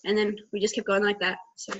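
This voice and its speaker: A woman's voice: mid-range voice, flat delivery, fast. A woman chatting on a team video call, telling a run-on story with one thing after another. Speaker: team member sharing on a call. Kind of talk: casual chat. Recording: dull video call audio.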